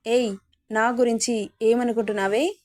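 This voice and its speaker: A woman's voice: a little high, steady tone, moderate pace, a little mellow, no room sound, studio quality, close to an everyday voice. A woman reading the lines of a callous young man who mocks his married lover, in a scornful tone. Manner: scornful, mocking.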